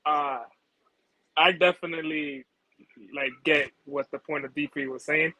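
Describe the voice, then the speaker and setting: A man's voice: on the high side, fairly even intonation, measured pace, sharp tone, dry recording, poor audio. A man chatting casually about boxing on a podcast, laid-back and slangy, laughing easily.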